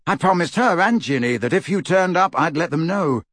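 An earnest teenage boy rebel, acted out by a male audiobook reader, pitched high and sounding indignant. He is loyal and insistent, with husky edges to the voice and a very dry, close sound. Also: lively intonation, moderate pace, a bit bright, no room sound. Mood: eager, defensive. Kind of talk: audiobook character voice.

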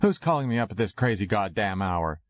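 A man voicing a suspicious, irritated woman answering a late-night phone call, brusque and close to yelling in an audiobook reading. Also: on the low side, lively intonation, a little fast, no room sound, lightly acted.

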